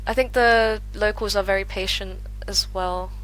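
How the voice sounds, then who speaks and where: A young woman with a British accent, chatting as an interview guest, talking quickly with many fillers and frequent laughs. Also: mid-range voice, fairly even intonation, a bit bright, rough recording. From United Kingdom. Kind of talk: casual interview chat.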